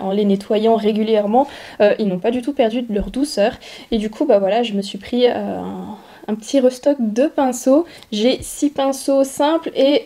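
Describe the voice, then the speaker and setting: A woman's voice: a little high, mellow. A woman beauty vlogger casually showing and explaining her makeup purchases, chatty, with many fillers. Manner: chatty, explains as she shows items, frequent fillers. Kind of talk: casual product haul talk.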